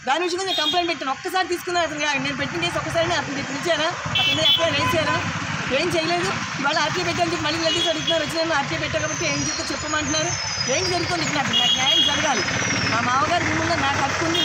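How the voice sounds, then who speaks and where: A high-voiced woman speaks out angrily in the street, rattling off one indignant question after another at a very fast pace. The recording is buried in loud traffic and street noise. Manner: angry, indignant, rapid rhetorical questions. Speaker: women's association president speaking to media. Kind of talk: street interview.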